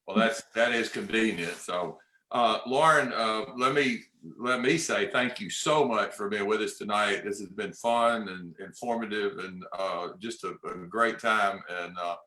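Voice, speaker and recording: A man co-hosting an interview show, speaking haltingly with many "uh" pauses. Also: on the low side, pushed and bright. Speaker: co-host. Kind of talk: casual podcast interview. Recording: echoey room.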